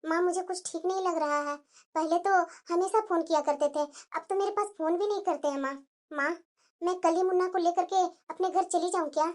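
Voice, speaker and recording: A performer voicing a gentle, worried young wife and new mother in a cartoon, soft and plaintive. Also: very high-pitched, steady tone, a little fast. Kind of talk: cartoon voice acting.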